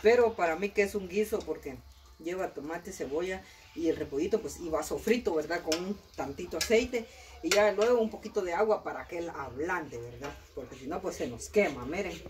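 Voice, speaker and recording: A woman in her thirties talks viewers through her cooking in a relaxed, chatty way. She is recorded outdoors on a phone at a wood-fire stove. The sound of sizzling food and the fire stays clearly behind her. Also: lowish voice, a little fast. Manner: chatty, explains steps to viewers. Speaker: home cook and channel host. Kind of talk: casual cooking vlog. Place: outdoor kitchen with wood fire under a tin roof. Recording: noisy outdoor phone audio.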